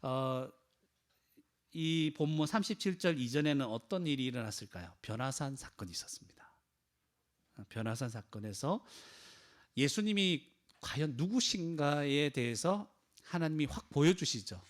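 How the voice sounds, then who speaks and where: A man's voice: on the high side, animated, normal speed. A man preaching a sermon in a conversational style, often asking the congregation questions. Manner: acts out quoted cries with a raised voice. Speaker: pastor.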